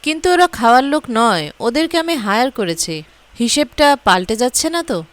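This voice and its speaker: A woman reads a scheming woman plotter in a storybook, pushy and full of suspicious questions. Fairly high voice, dry close sound. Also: sing-song, normal speed, dry recording.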